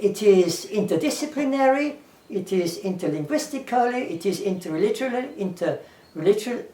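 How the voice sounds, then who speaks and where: A slightly mellow, high-sitting male voice with a German accent comes from an English teacher chatting casually to camera. Earnest in manner, he repeats himself, lists ideas one after another and quotes scripture, recorded in an echoey room far from the microphone.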